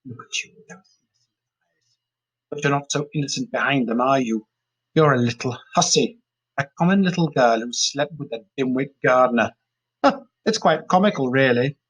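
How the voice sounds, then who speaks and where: A man's voice: mid-range voice, animated, normal speed, breathy edge, poor audio. A man voicing a cruel, haughty old aristocratic mother with a sneering manner, in a storybook reading.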